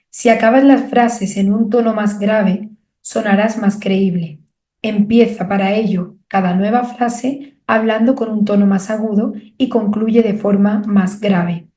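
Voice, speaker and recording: Woman from reading a how-to audiobook, calm measured teacher tone, bit of room echo. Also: mid-range voice. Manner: clear, measured, didactic delivery with rhetorical questions. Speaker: audiobook narrator and author. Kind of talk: instructional audiobook narration.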